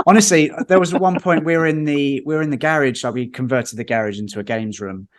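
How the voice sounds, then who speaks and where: A man, a podcast guest chatting casually and telling lively anecdotes with chuckles. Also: fairly high pitch, brisk.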